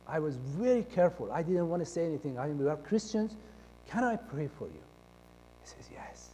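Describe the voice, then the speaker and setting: Casting: man from Iran, high voice, telling his testimony, acting out the dialogue, loud one moment and hushed the next. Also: a little hiss or hum. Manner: acts out quoted dialogue, shifting between loud and hushed. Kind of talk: personal testimony storytelling. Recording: long reverb of a large hall.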